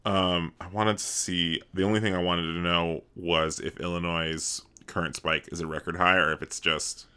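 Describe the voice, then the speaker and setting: A man's voice: low-pitched, level tone, moderate pace, hardly any pauses, bright, forceful tone, smooth. A man co-hosting a podcast from a home study, talking loosely with frequent ums. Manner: loose, hesitant, uses "um" often. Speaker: podcast co-host. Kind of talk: casual chat.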